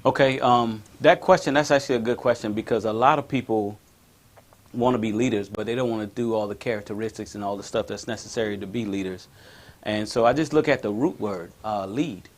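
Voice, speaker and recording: A man from South Carolina, raised in Italy, answering questions as a radio guest in an easygoing, halting way with many fillers. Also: fairly low pitch. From South Carolina, raised in Naples, Italy.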